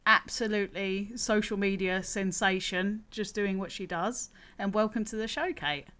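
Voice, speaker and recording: A woman's voice: medium pitch, fairly even intonation, moderate pace, fairly bright tone. A woman hosting a casual interview podcast in a chatty, informal, rambling way. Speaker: podcast host, former crane operator.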